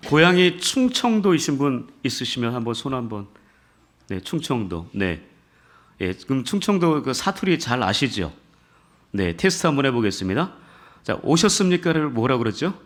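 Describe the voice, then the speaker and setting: A man pastor leading scripture reading, then preaching a sermon with jokes, questions to the congregation and rising emphasis. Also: mid-range voice. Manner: builds from calm scripture reading to emphatic exhortation.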